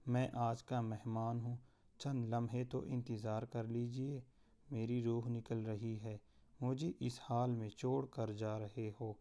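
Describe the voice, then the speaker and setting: A man's voice: medium pitch, level tone, warm tone, natural voice. A man voicing a dying young son who pleads with his father. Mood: pleading.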